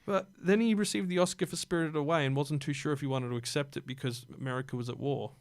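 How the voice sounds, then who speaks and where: A man's voice: on the high side, fairly even intonation, fast talker, dry recording, clean studio sound. A man co-hosting a casual anime podcast, chatty and full of fillers as he runs through film facts. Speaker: podcast co-host.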